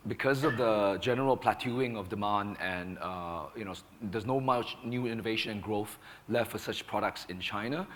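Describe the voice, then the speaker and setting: A hoarse man with a sore throat, speaking on a conference panel and explaining points in a measured, firm way. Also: fairly low pitch. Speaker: panelist, company founder. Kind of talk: panel discussion.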